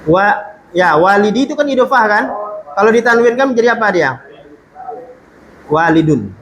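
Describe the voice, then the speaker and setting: A man teaching an Arabic lesson to a class. He reads Arabic slowly aloud, explains it, and puts questions to his students. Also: sits high, expressive, lo-fi sound, background noise.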